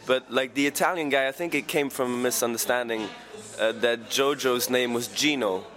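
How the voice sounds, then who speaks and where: A man sings in a band and answers questions loosely, stopping and restarting as he thinks, then cracking jokes. Music plays clearly in the background. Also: medium pitch, a bit bright. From Luxembourg and Spain. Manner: joking, halting, thoughtful. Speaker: band singer. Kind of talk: casual interview chat.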